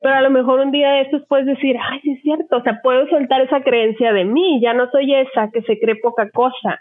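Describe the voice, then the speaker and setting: A woman's voice: high-pitched, fairly even intonation, a little fast, slightly rough, no echo. A middle-aged woman psychologist with a Mexican accent, hosting a podcast and talking things through at length. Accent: Mexican Spanish. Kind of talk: casual podcast chat. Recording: dry, phone-like narrow sound.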